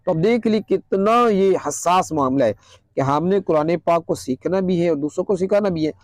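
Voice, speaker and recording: A man from Pakistan with a Pakistani Urdu accent, teaching a religious lesson in an earnest, explanatory way and slowly reciting Arabic quotations. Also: sits high, dry recording. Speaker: Quran teacher.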